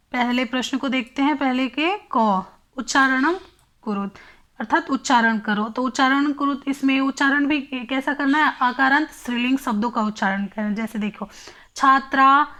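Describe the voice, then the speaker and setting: A woman teacher with a high voice who explains a textbook lesson at an unhurried pace. She says each word twice and gives its meaning, filling the gaps with soft hums. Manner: slow, repeats each word and its meaning, fills pauses with hums. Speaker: Sanskrit teacher.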